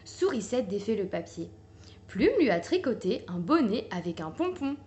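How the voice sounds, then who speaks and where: A woman reading a children's picture book aloud in a gentle, expressive way. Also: mid-range voice, moderate pace. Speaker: storyteller.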